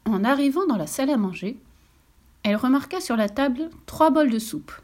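Expressive woman reading a fairy tale. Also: high-pitched, moderate pace. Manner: expressive, dropping to whispers. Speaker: storyteller. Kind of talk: storybook narration.

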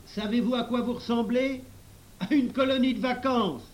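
A man's voice: normal speed, a little hiss or hum. A man reading a storybook and voicing a cheerful young girl who calls out from her bicycle. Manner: shrill, bubbly calling out.

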